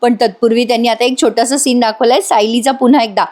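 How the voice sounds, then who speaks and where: A woman's voice: a little high, fairly even intonation, quick pace, a little mellow. A woman doing a voice-over recap of a TV serial episode, chatting directly with her viewers. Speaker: TV serial reviewer.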